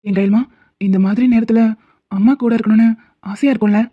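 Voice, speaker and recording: A woman voicing a teasing, doting young husband in an animated cartoon who worries easily. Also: mid-range voice, a little fast, no room sound, phone-quality sound, natural voice. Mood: worried doting. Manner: teasing, fussing, affectionate.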